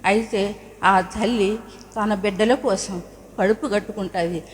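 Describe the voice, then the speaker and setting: A woman's voice: medium pitch, steady tone, measured pace, slight background noise. A woman preacher giving a Good Friday sermon at a church service, telling personal stories in an earnest way. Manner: earnest storytelling with personal testimony. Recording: church hall with long reverb.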